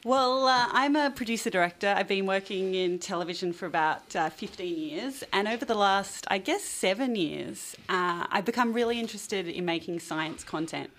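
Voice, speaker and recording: A woman, a filmmaker guest on a radio interview, telling her story in a lively way. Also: mid-range voice, normal speed, hardly any pauses.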